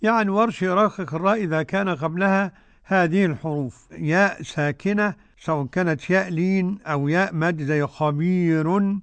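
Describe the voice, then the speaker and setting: An older man with an Egyptian accent teaching Quran recitation rules, drawing out verses slowly and explaining them quickly. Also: high-pitched, clear, resonant tone. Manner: slow drawn-out recitation alternating with quick colloquial explanation.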